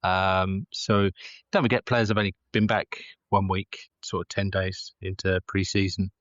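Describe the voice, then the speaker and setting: A man's voice: deep voice, level tone, a little slow, a bit bright, no room sound, dull audio. A man co-hosting a podcast in casual sports chat, speaking outdoors from his back garden. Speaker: podcast co-host.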